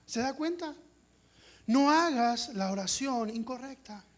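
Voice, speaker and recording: A man's voice: extremely high pitch, animated, measured pace. A male pastor preaching a sermon with passion, asking the congregation questions and acting out voices. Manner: impassioned, acts out voices, rhetorical questions.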